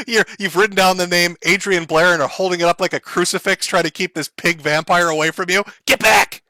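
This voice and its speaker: A man hosts a stream with profane, sarcastic commentary, laughing as he mocks his subject. His voice sits high and sounds bright and edgy. The sound is dry and close, with no room. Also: animated, moderate pace, dry recording.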